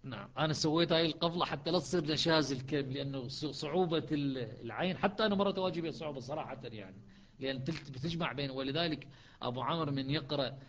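A man teaching a lesson on Quranic readings, explaining step by step and slowing into chanted recitation. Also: a little high, muffled recording, a little hiss or hum.

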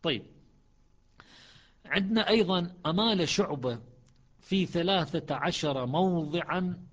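Guy teaching quran recitation readings, kinda high voice, slow careful explaining, muffled lo-fi recording. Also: animated. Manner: patient, methodical explaining with frequent pauses and restarts. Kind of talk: explanatory lesson on recitation variants. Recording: dull lo-fi recording.

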